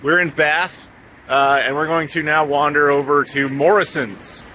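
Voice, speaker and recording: A man's voice: on the high side, fairly even intonation, measured pace, pushed and bright. A man hosting a travel vlog, chatting casually and joking about himself while he walks through an airport and a supermarket. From United States. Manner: joking, chatty, self-mocking. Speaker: travel vlogger host. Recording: noisy on-location audio.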